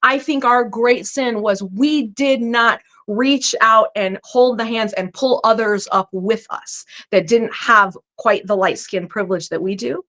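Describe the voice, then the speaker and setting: A woman's voice: on the high side, a little slow, hardly any pauses, fairly bright tone. Earnest woman. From Irish American. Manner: earnest, reflective, with frequent fillers. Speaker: guest minister. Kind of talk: conversational podcast interview.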